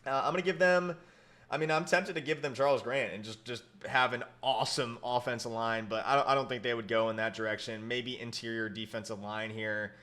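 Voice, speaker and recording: Bright-voiced young man talking football. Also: mid-range voice, steady tone, a little fast. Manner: rambling, self-correcting, lots of fillers. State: hiccups. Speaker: sports YouTuber. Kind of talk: casual mock draft commentary.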